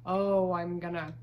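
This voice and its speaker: A gaming YouTuber gives chatty, exasperated commentary while playing a life-simulation game. Her voice is fairly low and a little mellow, and the low-quality recording carries some hiss or hum.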